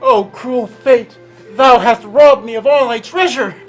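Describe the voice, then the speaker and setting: A man's voice: very high-pitched, unhurried, faint music behind. A man playing a vengeful, heartbroken young lover, speaking in archaic, melodramatic stage lines. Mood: grieving.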